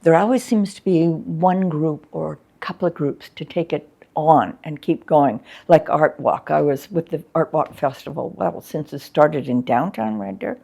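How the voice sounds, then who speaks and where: Her voice low, creaky and dark, this older Canadian woman moves unhurriedly but with hardly any pauses as she recalls her arts coordinating work. The interview chat is frank and reflective, peppered with ums and other fillers.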